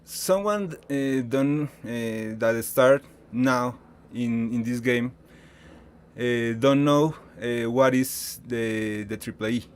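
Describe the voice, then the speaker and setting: A man speaking as an asks questions over a voice call. He talks slowly and haltingly, stopping often to search for words. His voice is smooth and clear, with medium pitch. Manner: hesitant, halting, many fillers and restarts. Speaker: interviewer asking questions. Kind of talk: casual voice-chat Q&A. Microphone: computer mic on voice call.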